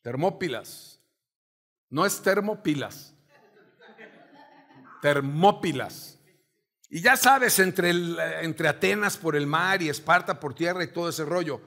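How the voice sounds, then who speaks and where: Man, middle-aged, Mexican accent, pastor preaching, high voice, vivid storytelling. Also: normal speed, hardly any pauses. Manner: animated storytelling, acts out shouted commands. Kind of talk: sermon.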